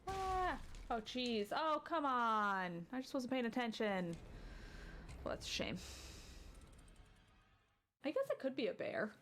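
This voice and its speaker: This let's play host is a woman whose slightly high voice has lively intonation; she's unhurried and pauses often. Her casual gaming chat drifts into rambling asides punctuated by sudden startled yelps, over game music and a little hiss or hum.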